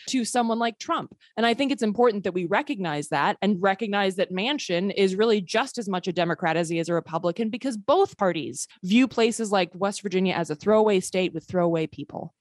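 A woman's voice: mid-range voice, a little fast, hardly any pauses, no room sound, studio quality. A woman partly raised in Sweden, speaking as an interview guest in a passionate, sarcastic way. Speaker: guest, filmmaker. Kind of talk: political interview.

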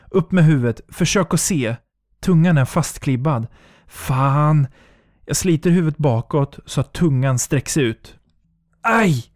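A man's voice: medium pitch, darkish tone, dry recording, studio quality. Tense man narrating horror in fragments. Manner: tense, breathless, clipped fragments. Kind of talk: first-person horror audiobook narration.

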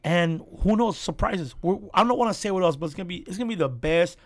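A man's voice: high-pitched, expressive, fast, dry recording. A man hosting a podcast in casual talk, with frat-bro slang and plenty of swearing. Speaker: podcast host, comedy show promoter.

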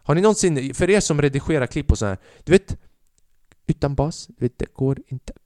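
Profane, animated young man telling stories. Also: fairly high pitch, dry recording, clean studio sound. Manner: profane, animated, acts out other people's voices. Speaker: podcast host and stand-up comedian. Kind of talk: solo comedic storytelling.

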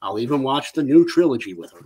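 Opinionated man, 30s, relaxed podcast chatter, mid voice. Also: medium pitch, fast, breathy edge. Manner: blunt, opinionated, trails off quietly. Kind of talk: casual opinionated chat.

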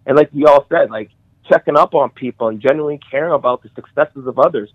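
A middle-aged man sharing memories of a friend on a call, halting with many restarts and emotional. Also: mid-range voice, no echo. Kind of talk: casual conversation. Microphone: call audio. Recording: tinny phone-like call audio.

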